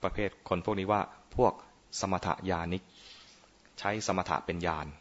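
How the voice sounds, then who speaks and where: A man's voice: sits low, fairly even intonation, normal speed. A man, a Buddhist monk, giving an informal dharma talk on meditation in a playful, teasing way, often quizzing his listeners. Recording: muffled lo-fi recording.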